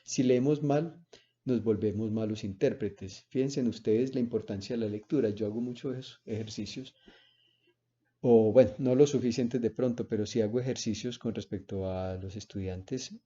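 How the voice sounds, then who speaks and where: Dark-voiced man lecturing a seminar. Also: lowish voice, moderate pace, highs cut off. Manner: explains with spoken examples and frequent "¿cierto?" and "eh".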